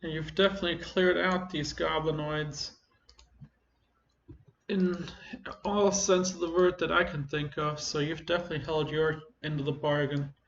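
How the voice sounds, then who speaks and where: A man voicing a proud, formal female kobold leader in a tabletop game, speaking in a measured way. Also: fairly high pitch, fairly even intonation, a bit bright. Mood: satisfied, formal. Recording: roomy, slightly muffled, faint noise.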